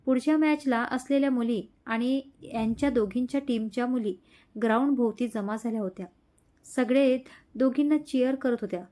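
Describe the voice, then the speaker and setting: A woman storyteller reading a romantic serial in steady, scripted narration. Her voice is warm and mellow. It sits a little higher than most. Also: normal speed.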